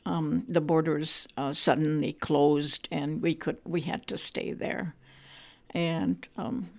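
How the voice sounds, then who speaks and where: An older grandmother, whose voice sits deep and crackles with heavy vocal fry. She talks slowly and reflectively, pausing often and searching for words as she recalls the past in an oral-history interview. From Poland. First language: Polish. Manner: halting, reflective, many pauses and fillers.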